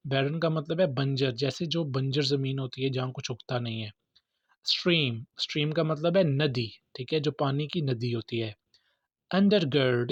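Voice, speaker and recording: A man's voice: on the high side, no room sound, muffled recording. A man teaching English vocabulary, working through words one by one and often saying "theek hai" as he explains. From Pakistan. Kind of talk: vocabulary lesson.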